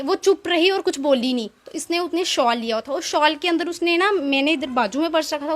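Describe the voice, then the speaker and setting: A woman recounts events in a casual interview, acting out what each person said. Her voice sits high. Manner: animated retelling, acts out quoted exchanges. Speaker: interviewee, theft eyewitness. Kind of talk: casual spoken account.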